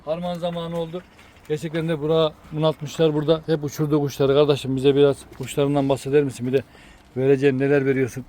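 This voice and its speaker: A man's voice: fairly high pitch, level tone, fast, warm tone. A man hosting a casual outdoor video, chatting to viewers and prompting a breeder, with pigeons cooing around him. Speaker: host presenting pigeons for an auction. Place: outdoors beside a pigeon coop. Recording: noisy outdoor recording with birds cooing. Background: cooing pigeons and outdoor noise.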